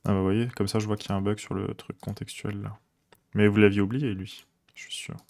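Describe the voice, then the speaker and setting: A man chatting casually with his viewers while he codes on a live stream, rambling with many fillers and quick chuckles. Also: on the low side, little pitch movement, creaky, darkish tone.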